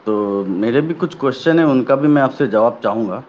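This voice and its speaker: A man calling in over the phone to a live debate stream, speaking politely and in a measured way, stopping to apologise before he asks his own questions. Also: medium pitch, lively intonation. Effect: over a phone line. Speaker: caller. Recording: muffled lo-fi call line with faint background noise.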